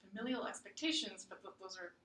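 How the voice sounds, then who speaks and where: Woman, counselor, practice session, bright tone, hesitant reflective summaries, roomy distant sound. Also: medium pitch, expressive, fast talker. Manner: gentle, reflective summarizing with many filler ums. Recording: roomy, distant mic, faint hiss.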